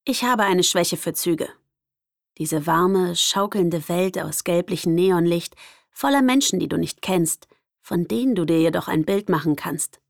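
A young woman narrating a first-person audiobook in a lively, expressive way. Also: lowish voice, unhurried, vocal fry, no echo, studio quality.

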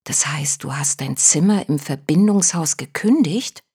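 A woman voicing a wry, sensitive young woman who speaks dryly and quietly. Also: deep voice, a little slow, creaky, slightly rough, full character voice.

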